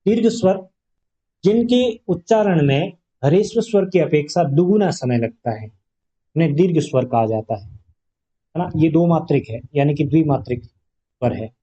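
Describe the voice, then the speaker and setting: A man's voice: on the high side, animated, moderate pace, mellow. A male Hindi grammar teacher giving a classroom lesson, explaining patiently, asking rhetorical questions and stretching vowels to demonstrate them. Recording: dull, lo-fi classroom recording.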